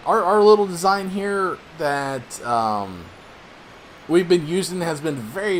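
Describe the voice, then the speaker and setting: A young man hosting a let's play, explaining the game casually and rambling with lots of fillers and restarts. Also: medium pitch. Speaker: gaming channel host.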